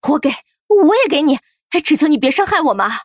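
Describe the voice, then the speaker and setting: A man putting on a shrill, furious young woman. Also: big pitch swings, fast, no echo, studio quality. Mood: pleading. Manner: shrill yelling tirade. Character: furious plump young woman, quick-tempered and fierce. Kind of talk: storytelling character voice.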